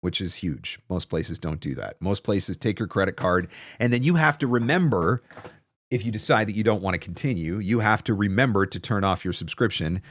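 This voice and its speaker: This livestream host, a voice-over coach in his forties, explains things casually and repeats himself for emphasis. His fairly low, fairly bright voice is expressive at a moderate pace, captured with no room sound on a close desktop broadcast mic in a small home studio.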